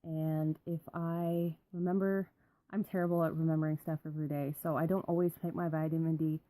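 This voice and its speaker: A woman's voice: sits low, warm tone, no room sound. A young adult woman rambling casually in a vlog, full of ums and likes. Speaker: vlogger.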